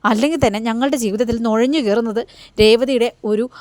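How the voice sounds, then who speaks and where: An indignant young wife who warns and threatens, as a woman reads her lines. The voice is fairly high. The sound is close and dry. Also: a little fast, darkish tone, dry recording, lightly acted. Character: angry defensive young wife.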